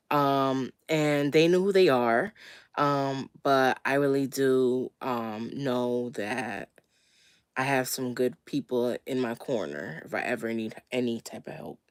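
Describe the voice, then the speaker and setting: A woman's voice: a bass voice, clear, resonant tone, no room sound, studio quality. A slightly wheezy woman getting over a cold, chatting casually as she hosts a question-and-answer livestream in a laid-back manner. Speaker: livestream host.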